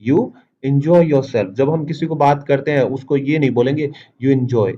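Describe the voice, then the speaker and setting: A man teaches a grammar lesson in a mellow, darkish voice. The recording sounds a little dull and lo-fi. He keeps asking the class questions, answers them himself, and dictates his example sentences slowly and with emphasis. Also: medium pitch.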